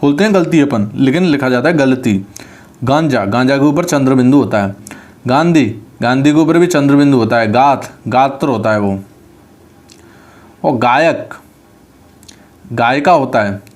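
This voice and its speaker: A male teacher with a mid-pitched voice. He runs an online exam-prep class on spelling. He says each word and then explains how it is correctly written. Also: lively intonation, normal speed, long pauses, darkish tone.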